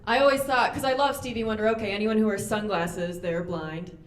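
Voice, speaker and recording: A young woman doing a stand-up comedy set on a club stage, delivering deadpan punchlines and quick acted-out voices into a handheld mic. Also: mid-range voice, slight background noise. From United States. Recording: roomy club with audience ambience.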